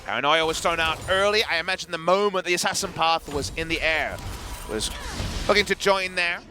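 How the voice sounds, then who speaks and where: A man's voice: fairly high pitch, fairly quick, bright, forceful tone, faint music behind. A man giving analytical esports color commentary, explaining strategy with dry humor. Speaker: esports caster.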